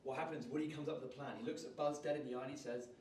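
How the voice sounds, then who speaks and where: A man, leading a lively public speaking workshop and raising and dropping his energy on purpose. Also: mid-range voice, rapid-fire, a little hiss or hum. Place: large room at a live workshop. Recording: roomy sound, voice from far off.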